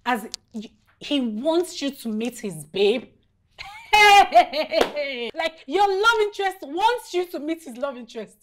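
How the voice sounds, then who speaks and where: A woman's voice: sits high, lively intonation, moderate pace, few pauses, background noise. An actress playing a teasing, laughing young woman with a Nigerian English accent who mocks her friend. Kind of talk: film drama.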